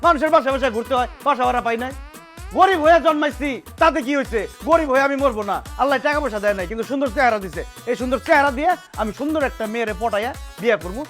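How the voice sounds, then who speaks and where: An actor playing a brash, boastful young man hunting for a flat, with a sing-song way of talking. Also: very high-pitched, rapid-fire, faint music behind. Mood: cocky. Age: young adult. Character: brash cocky young man, full of himself. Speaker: son looking for a flat.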